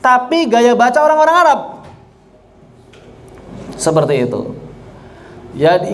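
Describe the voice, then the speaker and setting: A man teaching an online tajwid lesson, explaining slowly and deliberately with repetition. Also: sits high, a little hiss or hum. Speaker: Quran recitation teacher.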